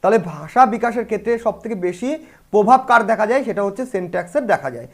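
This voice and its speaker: Fast-talking Bengali teacher drilling quiz answers. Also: male voice, sits high, animated. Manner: repeats each point, checks in with "clear?" and "okay?". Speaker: exam coaching teacher. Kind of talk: online exam-prep lecture.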